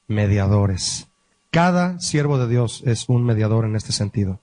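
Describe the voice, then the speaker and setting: Spanish-speaking pastor teaching a Bible lesson. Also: male voice, fairly low pitch, expressive, a little mellow, no echo. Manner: teaching, asks the listeners questions; explains word meanings slowly.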